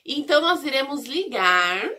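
Lady teaching little kids, bright lively voice, drags out syllables real slow. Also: high voice. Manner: slow, sing-song, stretching syllables and repeating words. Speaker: preschool teacher. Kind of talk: recorded lesson for young children.

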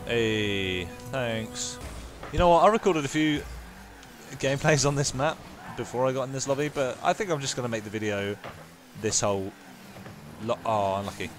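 A young man giving live, excitable commentary over his own gameplay, laughing often and gasping at big plays. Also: mid-range voice, normal speed, music in the background. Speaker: gaming YouTuber.

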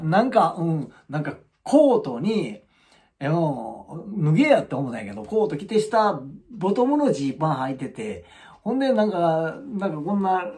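A middle-aged man telling a story casually as a channel host, acting out the people in it. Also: fairly high pitch. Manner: animated, acts out quoted voices.

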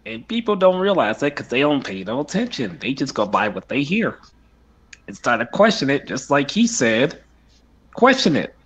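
A man's voice: mid-range voice, sing-song, moderate pace, fairly bright tone, husky. A man on a livestream panel, insisting on his point and repeating words for emphasis. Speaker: panel guest. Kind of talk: casual debate talk.

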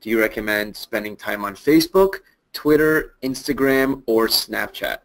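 A man's voice: on the low side, normal speed, poor audio. Casual male webinar host. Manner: casual, repeats affirmations. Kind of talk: reading out audience questions.

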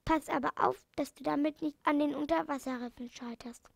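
A woman's voice: sits high, fairly even intonation, brisk, vocal fry, no echo. A woman reading a storybook aloud, voicing a friendly male sailor who speaks with generous caution.

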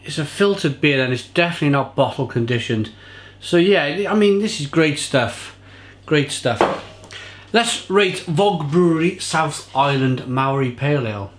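His voice a little high, with lively intonation at normal speed, a man in his thirties enthusiastically and casually reviews a beer for the camera. He gestures a lot while talking about the flavours. The indoor home kitchen bar, with its shelves of bottles, sounds reverberant.

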